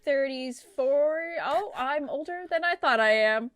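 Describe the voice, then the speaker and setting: A woman's voice: sits high, unhurried, dry recording. A woman in her late twenties co-hosting a casual podcast, telling stories with quoted asides. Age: 20s. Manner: animated storytelling with quoted asides. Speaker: podcast co-host. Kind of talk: casual chat.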